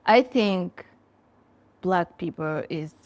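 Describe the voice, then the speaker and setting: A young woman with a Russian accent, a dancer giving a casual interview, speaking frankly and with lively, non-native grammar. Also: on the low side, extremely slow. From Russia, born in Ukraine. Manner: frank and animated, with broken English grammar. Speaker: guest, dancer living in Jamaica.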